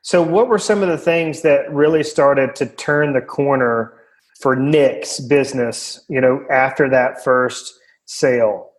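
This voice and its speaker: Man hosting an interview, middle pitch. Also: unhurried. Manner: short encouraging reactions, curious follow-up questions. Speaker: podcast host. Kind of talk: interview questions.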